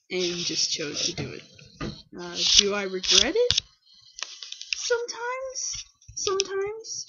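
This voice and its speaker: Casual and rambling, a young woman tells animated stories as she responds to questions from viewers. Her medium-pitched voice has a breathy edge, and the lo-fi webcam recording sounds dull.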